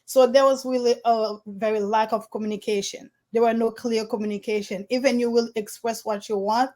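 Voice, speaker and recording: A woman from Haiti with a fairly high voice speaks as an interview guest. She tells her story earnestly and steadily, and some of her phrasing is slightly unusual. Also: steady tone, a little fast, warm tone. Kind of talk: conversational interview.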